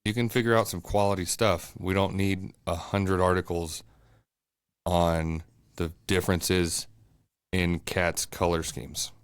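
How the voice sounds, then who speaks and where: A low-pitched man chatting loosely on a home podcast, blunt and crude, with plenty of swearing. The sound is dry and close, with no room echo. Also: flat delivery, a little slow, clean tone. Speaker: podcast co-host. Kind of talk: casual chat. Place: home room above a bathroom.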